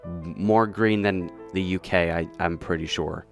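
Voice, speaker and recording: A young man chatting casually and jokily while ranking countries, often trailing off quietly at the ends of phrases. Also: sits low, steady tone, a little slow, creaky, soft background music. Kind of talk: casual commentary vlog.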